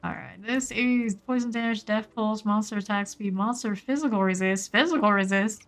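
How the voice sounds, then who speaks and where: A woman's voice: mid-range voice, moderate pace, faint music behind. A woman giving casual live gameplay commentary, muttering in short clipped fragments as she thinks aloud. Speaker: game streamer.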